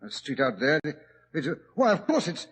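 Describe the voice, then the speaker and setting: An actor playing a fussy, easily startled doctor sidekick in 1940s radio drama style, blustering and stammering. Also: male voice, fairly high pitch, wildly swooping pitch, moderate pace, breathy edge, exaggerated voice. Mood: nervous.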